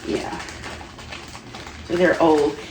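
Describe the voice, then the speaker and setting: A woman's voice: drawn-out words, a little mellow. A middle-aged woman chatting casually in a playful, giggly way with frequent exclamations. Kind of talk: casual chat while unboxing Halloween items. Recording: roomy echo with clear background noise.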